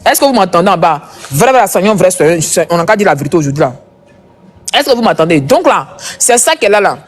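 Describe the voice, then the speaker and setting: A woman's voice: lowish voice, very animated, fast talker. A woman doing casual live commentary as a gossip streamer, chatty and repetitive, talking straight to her viewers.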